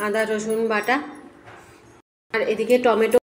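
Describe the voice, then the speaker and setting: Hoarse chatty woman cooking at home. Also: fairly high pitch, flat delivery, a little slow, slight background noise. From Bengal. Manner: chatty, homely, talks to viewers while cooking. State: hoarse from a cold. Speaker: cooking vlogger. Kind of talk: casual cooking commentary. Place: home kitchen.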